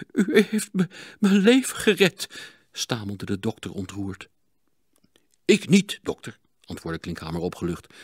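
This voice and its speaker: A man narrating a children's audiobook in an expressive, dramatic reading. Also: on the low side, slightly rough, dry recording, clean studio sound. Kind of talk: storybook narration.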